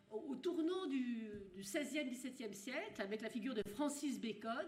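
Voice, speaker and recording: A woman giving a university lecture. She talks in halting bursts with many restarts and puts rhetorical questions to her audience. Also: a little high, darkish tone. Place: lecture hall. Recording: roomy hall sound.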